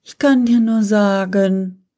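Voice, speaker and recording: A woman voicing a scheming old king who speaks in a pompous, booming way and trips over his words. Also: steady tone, slow pace, dark tone. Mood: dismissive.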